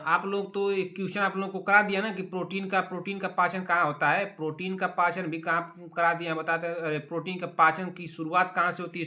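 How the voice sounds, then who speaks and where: A man's voice: fairly high pitch, bright, forceful tone. A young man from teaching an online exam-prep class, scolding and teasing students and repeating key words over and over.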